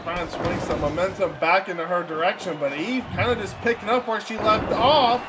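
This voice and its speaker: High-voiced male wrestling co-commentator amid crowd noise. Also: a little fast, over music. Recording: noisy, loud crowd behind voice.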